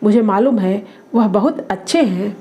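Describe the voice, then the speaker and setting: A woman reading the lines of a sharp-tongued young woman in a storybook drama, tart and scolding. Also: medium pitch, normal speed, lightly acted.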